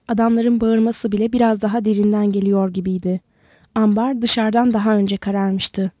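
Warm-voiced woman reading a novel aloud. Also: mid-range voice, dry recording. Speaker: narrator. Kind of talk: audiobook narration.

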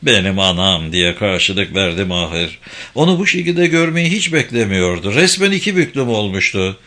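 A man narrating a story in a measured, expressive reading. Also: fairly low pitch.

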